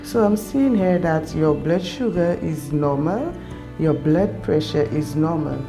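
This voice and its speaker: Low, creaky woman clinician. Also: expressive, a little slow. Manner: explanatory, instructive. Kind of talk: patient consultation. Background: faint music.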